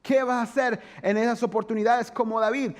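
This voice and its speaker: A man pastor preaching a sermon, animated, acting out voices and asking the congregation questions. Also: extremely high pitch, a little fast.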